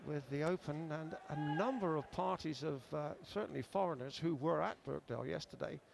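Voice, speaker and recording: A man's voice: a little high, brisk, vocal fry. A man giving chatty, explanatory darts commentary as part of a broadcast.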